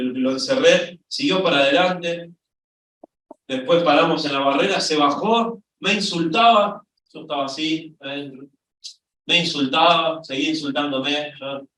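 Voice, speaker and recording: A middle-aged man with an Argentine accent preaching a sermon, telling a story with lively rises in his voice. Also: fairly high pitch. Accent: Argentine Spanish. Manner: storytelling, lively, voice rising when excited. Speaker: pastor. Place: church hall. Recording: echoey church from far off.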